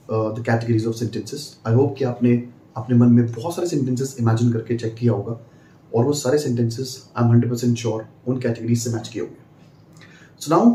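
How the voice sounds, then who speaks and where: A man teaches English at a board in an emphatic, repetitive way, pressing each point on his viewers. His voice is mellow and dark in tone. The room gives it a noticeable echo, with a faint hiss underneath. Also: medium pitch. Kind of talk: bilingual classroom-style lesson.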